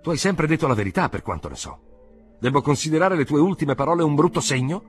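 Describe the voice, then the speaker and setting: A man's voice: a little high, lively intonation, quick pace, soft background music, voice pushed up, lightly acted. A man reading an audiobook, voicing an agitated elderly country uncle who talks urgently and pleads. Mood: alarmed.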